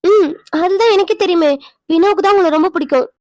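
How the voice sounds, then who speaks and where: A woman voicing a quick-tempered young wife in a cartoon, scolding and demanding answers. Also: very high-pitched, darkish tone, no echo. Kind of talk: cartoon voice acting.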